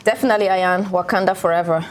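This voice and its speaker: A woman hosts a panel discussion at a quick pace. Her pitch is mid-range, and a faint rumble sits behind her voice. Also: steady tone. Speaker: talk show host.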